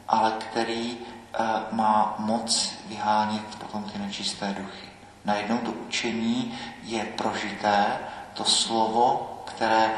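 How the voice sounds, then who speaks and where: A man giving a measured, reflective sermon as a priest, often pausing with hesitations. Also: on the low side, fairly bright tone, a little hiss or hum. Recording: echoey church hall, faint ambience.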